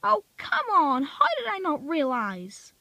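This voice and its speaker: A woman voicing a cheeky little male tank engine with a squeaky, very high-pitched voice that jumps into shrill yelps. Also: wildly swooping pitch, very slow, fairly bright tone, no room sound, heavily acted. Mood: shrill panic. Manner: shrill, yelping.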